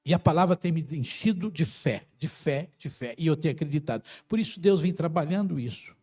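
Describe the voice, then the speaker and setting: A middle-aged Brazilian pastor preaching a sermon with passion, rising to loud cries and dropping to quiet, close words. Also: male voice, on the high side, expressive, a little fast. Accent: Brazilian Portuguese. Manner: impassioned preaching, swings from loud to soft.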